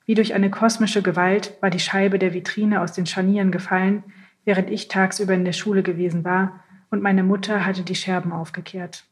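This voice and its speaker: A woman reads first-person literary prose aloud at a calm, measured pace. Her pitch sits in a middle range and barely moves, which gives the narration a steady, even, almost flat feel. It sounds like a scripted audiobook reading.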